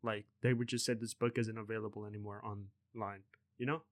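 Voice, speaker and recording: A man's voice: fairly low pitch, level tone, fairly quick, no echo, clean studio sound. A young man hosting a casual podcast, talking loosely and rambling through his notes. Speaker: podcast host.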